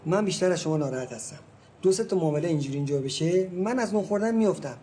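A man's voice: fairly high pitch, lively intonation, warm tone, slight background noise, natural voice. An actor playing a middle-aged male real estate agent, by turns soothing and threatening. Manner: soothing, then blustering and threatening.

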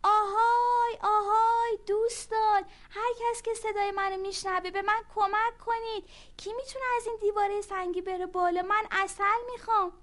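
A woman's voice: high-pitched, expressive. A woman voicing a greedy, whiny little ant in a children's story, demanding and calling out for help. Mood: shouting.

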